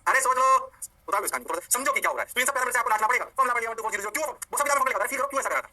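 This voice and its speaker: A man teaching a physics lecture, animated and playing both sides of a call-and-response with his students. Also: very high voice, rapid-fire, rough recording. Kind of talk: energetic classroom lecture.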